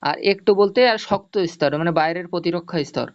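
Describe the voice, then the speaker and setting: In an online zoology lesson, a male teacher with a high voice talks fast, explaining step by step, repeating mnemonics and checking that students keep up. The recording sounds dull and lo-fi.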